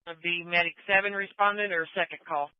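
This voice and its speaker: A man's voice: sits high, steady tone, fairly quick, smooth, no echo. A man working as an emergency dispatcher gives terse, formal radio updates over a two-way radio, repeating each call. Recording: tinny, narrow-band emergency radio.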